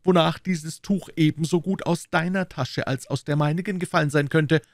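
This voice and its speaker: A man's voice: a little high, steady tone, moderate pace, no room sound, pitched above the performer's own voice, lightly acted. A man voicing a cold, haughty young male musketeer with icy, disdainful courtesy in an audiobook reading. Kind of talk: audiobook character voice.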